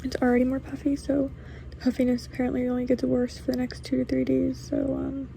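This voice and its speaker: A woman's voice: high voice, completely flat delivery, brisk, creaky, warm tone, a little hiss or hum, rough recording. A young adult woman giving a casual vlog update, talking with a sore jaw that does not open fully. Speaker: vlogger. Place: bedroom at home.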